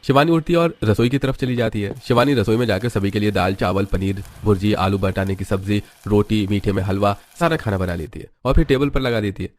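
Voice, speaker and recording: A man's voice: on the low side, fairly quick, hardly any pauses, darkish tone. A man narrating a cartoon story in a plain, scripted storytelling style.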